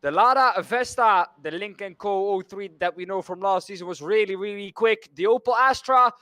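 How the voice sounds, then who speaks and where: A man's voice: high voice, moderate pace, pushed and bright, clear, resonant tone, dry recording. A man from the Netherlands commentating a sim racing broadcast, rambling and correcting himself as he stumbles over names. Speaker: race commentator.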